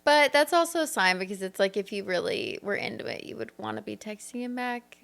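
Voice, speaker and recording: A woman's voice: medium pitch, expressive, fairly quick, creaky, fairly bright tone. A young woman co-hosting a podcast, chatting casually and giving dating advice, often saying "like" and "you know". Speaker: podcast co-host. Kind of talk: casual chat.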